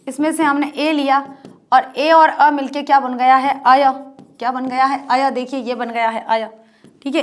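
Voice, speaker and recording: With a voice that sits high and a bit bright, a woman teaches Hindi grammar at a board, breaking the lesson into steps and frequently echoing points back as rhetorical questions.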